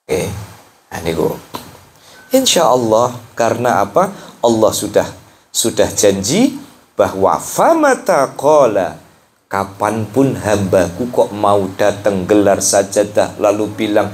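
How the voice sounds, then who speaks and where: Slow, low-voiced Javanese preacher. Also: male voice, lively intonation. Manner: chatty, mixes prayer chanting with joking asides to the audience. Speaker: preacher teaching a religious text. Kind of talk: sermon.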